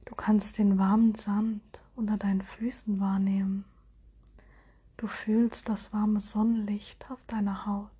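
A woman guiding a relaxation hypnosis in a soft, soothing, airy spa whisper with gentle suggestions. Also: mid-range voice, little pitch movement, measured pace, slightly rough. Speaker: hypnosis guide.

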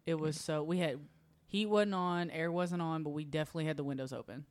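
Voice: medium pitch, fairly even intonation, fairly quick. A co-host trading teasing banter with friends in a small apartment living room. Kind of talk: casual chat among friends.

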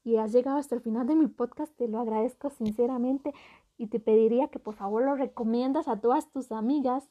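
A woman's voice: a little high, brisk, warm tone. A woman hosting a motivational podcast, talking straight to the listener as a friend and repeating phrases for emphasis. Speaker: podcast host.

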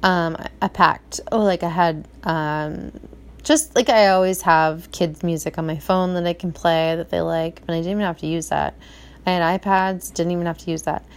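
Rambling, chatty middle-aged mom. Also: female voice, on the low side, steady tone, moderate pace, clean tone. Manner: rambling, chatty, full of "like" fillers. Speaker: mom vlogger. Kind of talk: casual chat.

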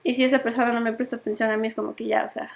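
A woman's voice: on the high side, level tone, racing, gravelly. A woman co-hosting a podcast, chatting casually, laughing often and acting out little quotes. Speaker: podcast co-host. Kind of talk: casual chat.

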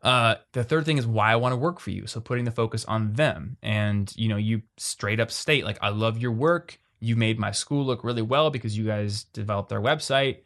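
A man co-hosting a podcast, chatting casually and quickly, reading listener questions aloud. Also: on the low side, a bit bright. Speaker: podcast co-host.

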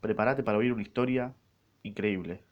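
A man's voice: fairly low pitch, brisk, lo-fi sound, natural voice. D'Artagnan, brash panicky swordsman, read by a man. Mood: agitated. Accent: Argentine Rioplatense Spanish. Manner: swears casually, uses vos.

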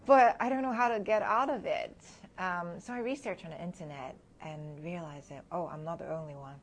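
A woman in her thirties from Hong Kong, a guest speaking candidly and reflectively in an interview, often laughing softly between thoughts. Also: fairly low pitch, fairly quick.

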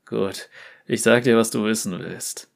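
A man's voice: fairly low pitch, measured pace, gravelly. A man voicing a frightened male criminal informant who pleads and panics under threat. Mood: pleading. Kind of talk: dramatic story reading.

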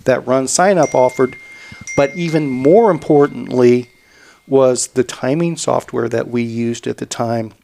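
A man with a gravelly, creaky voice talks casually about running cycling events. He rambles, restarting and repeating words as he explains. His pitch sits in an ordinary middle range. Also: a little slow, mellow. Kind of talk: casual podcast chat.

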